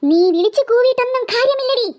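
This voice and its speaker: A performer voicing a bloodthirsty ghost that has taken a girl's shape, speaking in slow, low, gloating threats. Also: lively intonation, a little mellow, a little hiss or hum. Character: menacing ghost girl, bloodthirsty and sneering. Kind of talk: cartoon voice acting.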